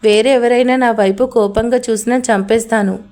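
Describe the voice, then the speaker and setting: A woman's voice: fairly high pitch, steady tone, moderate pace, a little mellow, natural voice. A woman voicing a drunk, heartbroken young woman in a spoken love story, pleading tearfully.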